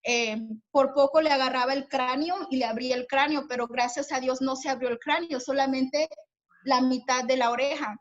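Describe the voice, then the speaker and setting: A woman's voice: high voice, steady tone, normal speed, highs cut off. A woman speaking as guest at a women's church meeting, giving an earnest personal testimony, with many fillers and restarts, speaking to her listeners as sisters. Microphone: video call.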